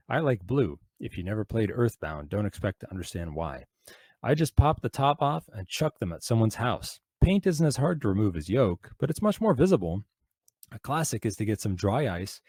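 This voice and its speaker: A man's voice: fairly low pitch, a little mellow, no room sound. A male radio host reading a crude prank guide aloud in a sardonic, mocking way and breaking off to add his own comments.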